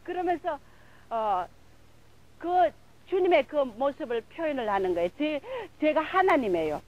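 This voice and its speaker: Woman preacher, high voice, fervent breathless testimony. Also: sing-song, moderate pace, a little mellow, rough recording. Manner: fervent, breathless retelling, runs of filler words. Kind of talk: emotional sermon testimony.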